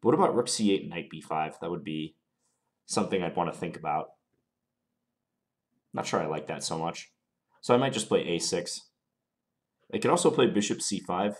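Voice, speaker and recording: Deep-voiced and slightly sniffly from a cold, this man is a chess commentator working through an online game. He analyses each move calmly, thinking aloud in a measured, analytical manner.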